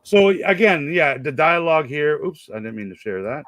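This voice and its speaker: A man's voice: on the high side, very animated, moderate pace, a bit bright, no echo. Man in his fifties, host, casual chat, rambling, jokey, very dry sound. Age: 50s. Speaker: show host.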